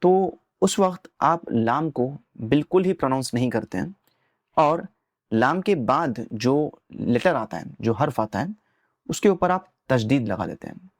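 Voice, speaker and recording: A man hosting an Arabic lesson in Urdu, patiently explaining pronunciation and sounding out letters slowly one by one, with an Urdu accent. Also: mid-range voice, lively intonation, no echo, studio quality. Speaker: Arabic teacher and channel host.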